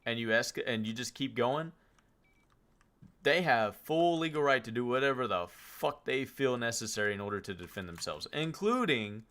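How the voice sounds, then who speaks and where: Bright-voiced man swearing on stream. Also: medium pitch. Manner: rambling storyteller, swears a lot. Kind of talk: casual gaming stream chat.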